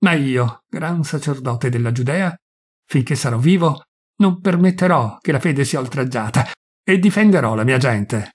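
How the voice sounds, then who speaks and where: A man reading aloud and voicing a proud high priest who answers calmly and defiantly. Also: normal speed, slightly rough.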